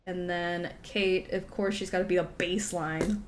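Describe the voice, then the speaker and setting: A woman streaming a game, chatting casually with viewers, giggling often and apologizing in quick asides. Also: fairly low pitch, fairly even intonation, a little hiss or hum.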